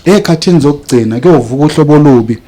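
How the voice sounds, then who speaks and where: A man's voice: a little high, animated, very fast, warm tone. A man with a South African accent and native Zulu, preaching and reading scripture to introduce a lesson.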